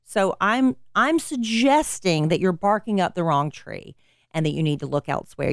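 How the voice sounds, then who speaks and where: A woman's voice: lowish voice, smooth, no room sound, studio quality. A middle-aged woman hosting an advice podcast, giving frank, blunt advice in a casual, folksy way.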